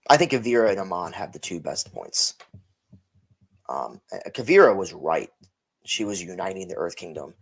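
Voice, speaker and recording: Tired, low-voiced man rambling casually. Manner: rambling, self-correcting. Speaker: podcast co-host. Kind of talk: casual chat.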